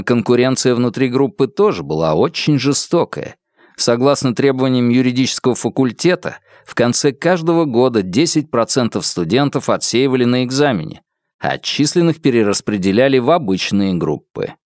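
A man with a mid-range voice narrates an audiobook from a script, telling the story expressively. The recording is clean studio sound with no room echo.

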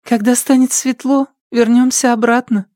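Style: a man putting on a wary young village woman. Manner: high and sharp. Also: flat delivery, moderate pace, no room sound, studio quality. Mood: soft.

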